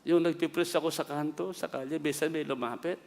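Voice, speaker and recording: Filipino bishop preaching, frequent "Amen?". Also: male voice, a little high, steady tone, fairly quick, vocal fry, a little mellow, long reverb tail. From Philippines. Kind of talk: sermon.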